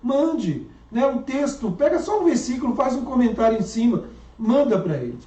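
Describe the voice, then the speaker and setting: A man's voice: extremely high pitch, very animated, normal speed, warm tone, reverberant, recorded from a distance. A male pastor giving a casual talk to parents, chatty and telling home anecdotes.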